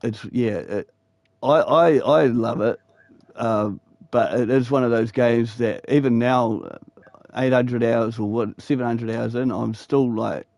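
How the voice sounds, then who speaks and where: A man with a broad New Zealand accent talks in a loose, rambling way. He is matey and swears freely, as in a casual chat between gamers. His pitch sits in an ordinary male range. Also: steady tone, measured pace, vocal fry, darkish tone, no room sound. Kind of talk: casual chat about gaming.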